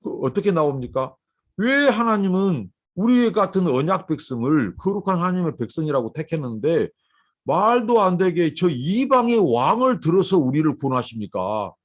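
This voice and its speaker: Emphatic male pastor, lively pitch. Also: moderate pace. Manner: voices the complaints of the clay pot and the child in a quoting tone; emphatic, rhetorical questions. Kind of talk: sermon.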